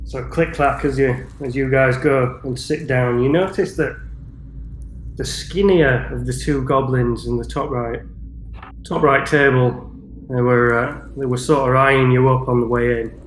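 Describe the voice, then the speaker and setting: A man's voice: mid-range voice, a little hiss or hum. Laid-back male dungeon master, echoey room. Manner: relaxed, halting with fillers. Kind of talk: narrating a tabletop game.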